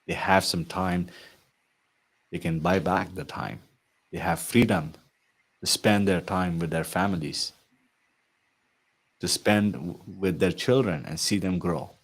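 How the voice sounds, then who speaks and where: Slowly, with long pauses and a breathy edge to his low voice, an IT consulting coach makes a promotional pitch to viewers. He's earnest and persuasive, often tacking "right?" onto his sentences.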